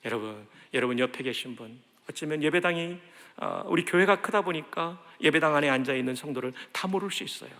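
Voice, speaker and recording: A man preaching a sermon as a pastor, leading the congregation in call-and-response and swinging between loud exhortation and soft asides. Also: a little high, a little fast. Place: large church sanctuary. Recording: long hall reverb of a large church.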